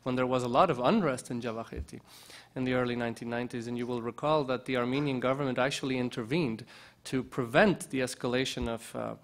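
A man's voice: medium pitch, fast. A man in his forties speaking as a keynote speaker at a conference, answering questions hesitantly with many restarts, at a table microphone in a lounge.

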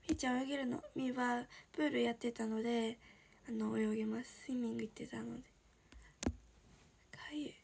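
Young woman, 18, from shizuoka, livestream chat, soft near-whisper delivery, high pitch, slight vocal fry. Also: flat delivery, brisk, pauses often, a little hiss or hum. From Shizuoka, Japan. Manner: soft-spoken, often drops into a breathy whisper. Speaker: idol livestreamer. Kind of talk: casual livestream chat reading viewer comments.

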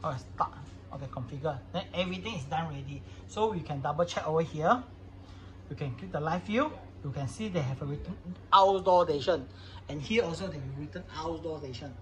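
Narrating a casual hands-on product tutorial, a man uses informal, non-native English phrasing. He speaks fairly quickly at a fairly high pitch, with a fairly bright tone.

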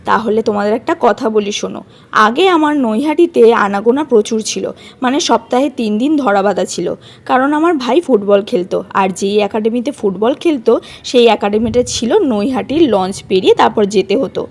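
A woman's voice: on the high side, fairly quick. A woman, vlogging casually and chatting straight to her viewers. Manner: chatty, addresses viewers directly as guys. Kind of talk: casual vlog talk to viewers. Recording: noisy background ambience.

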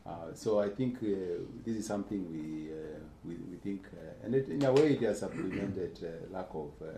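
Deep-voiced man speaking at a panel. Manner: halting, many uh fillers, earnest. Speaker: keynote speaker on urban planning. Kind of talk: panel discussion answer. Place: lecture room. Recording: echoey room, faint hiss.

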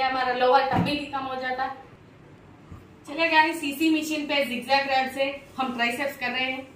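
Her voice high and fairly bright, a woman in her thirties chats cheerfully with viewers while demonstrating workouts on a machine in her small indoor home gym for her fitness vlog. The camera is far from her and the room very echoey, so she sounds remote. Some hiss or hum is audible.

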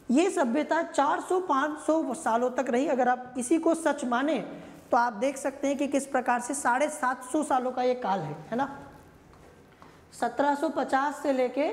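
A woman with a high-pitched voice gives an exam-prep history lecture. She explains in a conversational way and keeps checking in with her listeners. Her voice carries a long, ringing reverb. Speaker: history teacher.

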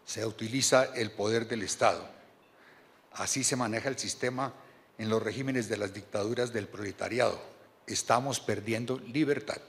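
A man, reading a measured and earnest formal speech from notes at a podium microphone in a large banquet hall. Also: fairly low pitch, slight background noise. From Colombia. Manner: measured and earnest, reads from paper with small restarts. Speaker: board chairman giving a speech. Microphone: podium microphone on a stand.

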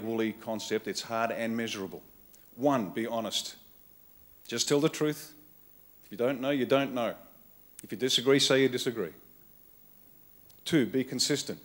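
A middle-aged man with an Australian accent, giving a rousing political keynote from a conference hall stage into a podium microphone, speaking in punchy, emphatic short phrases that he often repeats. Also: lowish voice. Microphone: podium microphone on a stand.

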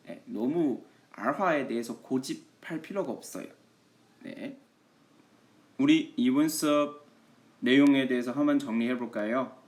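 A man teaching a lesson in Korean, patiently and with frequent affirming interjections. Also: medium pitch. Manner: patient, repeats "예" often, slow model readings of Chinese. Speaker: Chinese language teacher. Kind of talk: online language lesson.

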